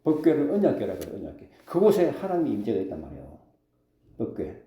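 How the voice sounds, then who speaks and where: A pastor preaching a sermon, throwing rhetorical questions to the congregation. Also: male voice, medium pitch, fast talker, reverberant. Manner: lively preaching with call-and-response questions. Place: church sanctuary.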